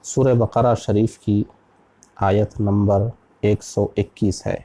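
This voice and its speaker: A man, an Islamic scholar from India, giving a slow, deliberate religious lesson on Quran recitation and spelling out letters one by one. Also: fairly low pitch, flat delivery, mellow.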